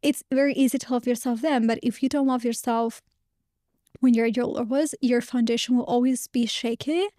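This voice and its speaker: Female podcast host with a fairly high voice, open and reflective, restarting her sentences often, recorded dry. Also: steady tone, fairly quick, warm tone, no echo. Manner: candid and reflective, many restarts. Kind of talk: casual conversation.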